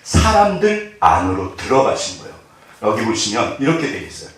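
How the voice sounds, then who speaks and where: A man's voice: lowish voice, moderate pace. A male pastor preaching a sermon, asking the congregation questions and answering them himself, acting out voices along the way. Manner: animated, acts out quoted voices. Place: church sanctuary. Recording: very echoey hall, mic at a distance.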